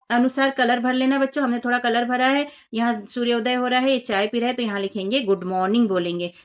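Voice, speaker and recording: Female teacher, patient step-by-step children's lesson, slightly high voice, muffled recording. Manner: patient, explains step by step, addresses children as 'बच्चों' and 'बेटा'. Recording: dull lo-fi voice recording.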